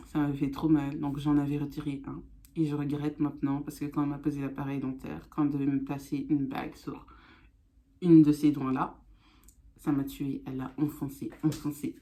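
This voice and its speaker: Low, mellow woman talking with braces. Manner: speech affected by newly fitted braces. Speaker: vlogger. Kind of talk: casual chat to camera.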